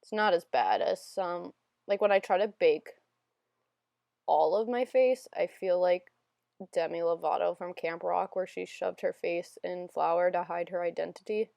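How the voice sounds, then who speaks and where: A young beauty vlogger records a casual makeup tutorial voiceover in a gravelly, dry, dark-toned voice that sits lowish, with fairly even intonation and an unhurried pace. She's chatty, self-deprecating and rambling with fillers, sounding slightly hoarse as she recovers from illness. The recording is dry.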